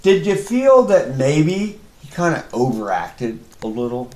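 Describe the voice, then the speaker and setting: Male comedy interviewer, lively swinging intonation, mock-serious questioning, echoey room sound. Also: mid-range voice, a little slow. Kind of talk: improvised mock interview banter.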